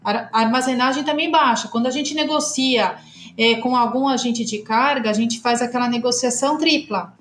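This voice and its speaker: A woman, a partner at a customs consultancy, explaining in a measured way with hesitant fillers on a podcast. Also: fairly high pitch, fairly bright tone, reverberant, faint music behind. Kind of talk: podcast discussion.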